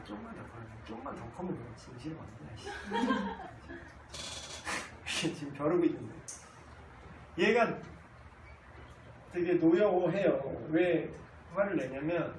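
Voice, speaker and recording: A man's voice: high-pitched, slight background noise. A man in his thirties teaching a casual Bible class, blunt and joking as he tells family stories. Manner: blunt, joking, animated storytelling. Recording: echoey room, distant mic, faint ambience.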